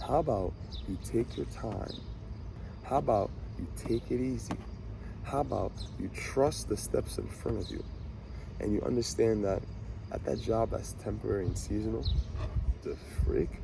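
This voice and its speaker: A man in his twenties giving an animated, preachy motivational monologue to camera, talking to himself and his viewers with swagger. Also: mid-range voice, creaky, noisy background. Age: 20s. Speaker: vlogger.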